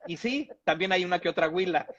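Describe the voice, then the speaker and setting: A man's voice: high voice, a little fast, a bit bright. A man from Mexico reading a humorous text aloud in a playful, amused way, with chuckles now and then. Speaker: reader. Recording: dull lo-fi audio.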